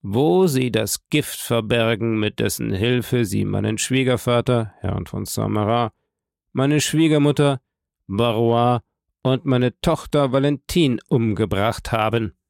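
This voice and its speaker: A man's voice: mid-range voice, measured pace, creaky, a little mellow, no room sound, clean studio sound. A man voicing a cold, stern male prosecutor who speaks sharply and in commands.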